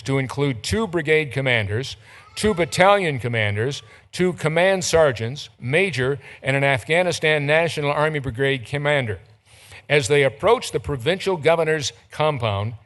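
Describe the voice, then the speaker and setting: A man reads a formal military award citation aloud as a ceremony presenter, in a crisp, official, measured way. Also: on the high side.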